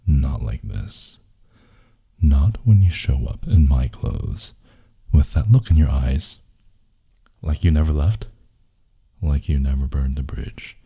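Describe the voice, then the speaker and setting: An actor voices a brooding yandere boyfriend in an ASMR audio story, fully in character. His very deep, breathy, husky voice moves slowly and intimately, often dropping into whispers with dramatic pauses, in an intense, teasing murmur. He sounds possessive and wounded, with a dark, mellow timbre.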